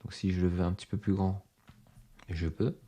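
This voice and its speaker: A man walking viewers step by step through a software screen-recording tutorial as instructor, explaining each setting directly to them. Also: low voice, little pitch movement, normal speed. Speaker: online course instructor.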